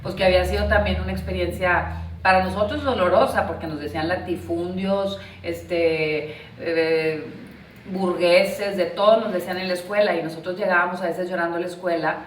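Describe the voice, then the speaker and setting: Speaking at a fairly low pitch with even intonation and a moderate pace, the former party leader from Mexico, a middle-aged woman, recounts family stories in a casual interview, full of "este" and "pues." Slight background noise and a roomy echo come through because she's far from the mic.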